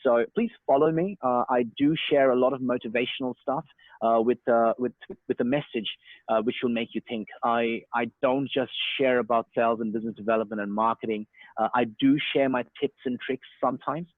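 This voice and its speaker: Appearing as a guest on a casual online interview, a sales and marketing professional in his thirties, born in India and speaking with an Australian accent, talks loosely with lots of fillers and restarts. He has a medium-pitched, steady, brisk voice; the call audio sounds tinny and phone-like, dry and without room sound.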